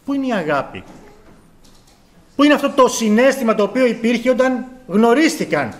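A man's voice: very high-pitched, expressive. A middle-aged man preaching a sermon with earnest rhetorical questions and rising emphasis.

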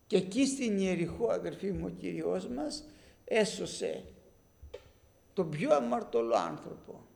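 A man's voice: high voice, big pitch swings, vocal fry, darkish tone. A man preaching a sermon, telling a story with animation and speaking directly to his listeners as brothers.

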